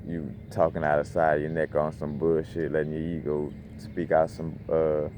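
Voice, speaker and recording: Deep-voiced man, loose slangy spiritual talk. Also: monotone, normal speed, warm tone. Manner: loose, rambling, slangy, lots of "you know what I'm saying". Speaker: crystal channel host. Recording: noisy background hum.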